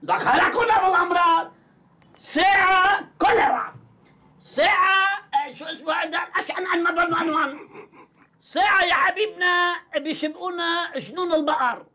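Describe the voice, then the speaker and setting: A performer with a Lebanese accent in a comedy sketch, reacting with loud, quick exclamations. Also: female voice, very high voice, slight background noise, exaggerated voice. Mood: excited. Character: excitable person bringing the wife to the doctor. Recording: music playing under the dialogue.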